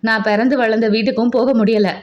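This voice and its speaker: A woman's voice: a little high, steady tone, quick pace, natural voice. A woman voicing a pregnant young wife in an audio novel, who snaps back sharply and stubbornly. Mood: angry. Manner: sharp and snapping. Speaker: nurse. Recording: dull lo-fi recording.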